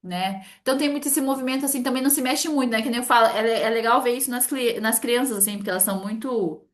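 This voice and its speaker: A middle-aged therapist from talks in a casual, animated way, voicing small dialogues as she explains. Her voice sits a little high. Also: quick pace. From Brazil. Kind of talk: casual explanatory talk to camera.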